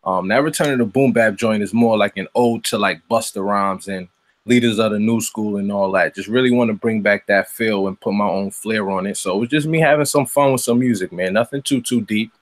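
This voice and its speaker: A man's voice: fairly low pitch, fairly quick. Easygoing New man in his late twenties. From Brooklyn, New York. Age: late 20s. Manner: easygoing, slangy. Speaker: rapper and debate guest. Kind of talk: casual interview chat.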